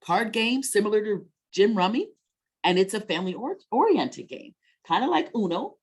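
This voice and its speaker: A woman with a husky, medium-pitched voice hosts a children's story time webinar. She talks conversationally in an encouraging, teacher-like way, using leading questions.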